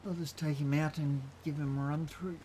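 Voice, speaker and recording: A man's voice: a little high, little pitch movement, normal speed, dark tone. A man playing a senior officer in an online roleplay, giving casual, hesitant instructions to a trainee. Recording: faintly noisy game voice chat.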